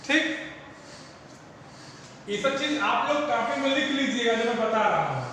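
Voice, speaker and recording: High-voiced male teacher in echoey room. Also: sing-song, bright, forceful tone. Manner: explains slowly, keeps checking students understand. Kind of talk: online Hindi grammar class. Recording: echoey room, distant mic, faint noise.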